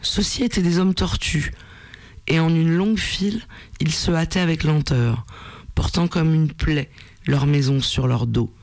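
Man, radio host, story reading, gravelly voice, very dry close sound. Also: on the high side, no room sound. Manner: measured, deliberate reading.

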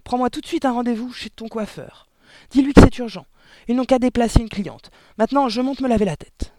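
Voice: medium pitch, fairly quick, mellow, voice pushed up, close to an everyday voice. A reader voicing a blustering middle-aged father who bellows in outrage and panic in an audiobook. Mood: anxious. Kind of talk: audiobook reading.

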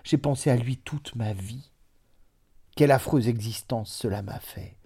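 A man's voice: medium pitch, measured pace, dark tone, slightly rough. Man doing a grieving aging mother, anguished, slips into whispers, audiobook figure.

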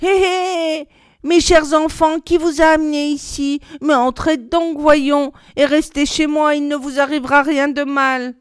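A woman voicing a cruel, greedy old witch in a storybook reading, shrill and bossy. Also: little pitch movement, measured pace, no echo, studio quality. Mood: falsely sweet.

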